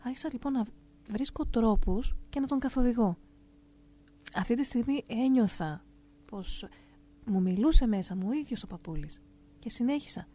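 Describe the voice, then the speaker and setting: A middle-aged woman calmly and earnestly telling a first-person story aloud. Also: a little high, long pauses. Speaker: narrator of a personal testimony.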